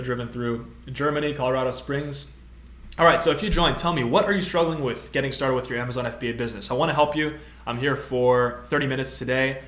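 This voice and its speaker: A man in his twenties chats casually through a live-stream tutorial, upbeat and loose, with plenty of fillers. His voice sits in a middle pitch. The sound carries a noticeable room echo. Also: a bit bright. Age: 20s. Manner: casual, upbeat, many fillers, reads out chat. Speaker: host. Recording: roomy echo.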